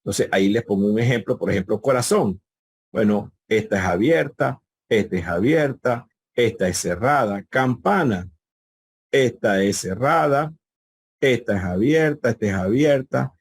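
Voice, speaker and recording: A man's voice: medium pitch, expressive, measured pace, breathy edge, no echo. A man teaching a live online Greek class over a video call, patiently repeating key words and quizzing his students.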